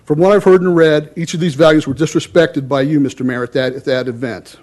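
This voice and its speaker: A man's voice: on the high side, steady tone, a little fast, darkish tone. A man giving a formal public comment at a council meeting in a stern, indignant, accusatory way.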